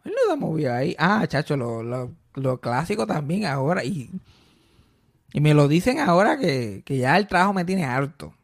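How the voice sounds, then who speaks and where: A man with a Puerto Rican accent chatting casually on a podcast, animated and swearing freely, slipping English into his Spanish. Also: fairly high pitch, normal speed, vocal fry. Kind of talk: casual chat.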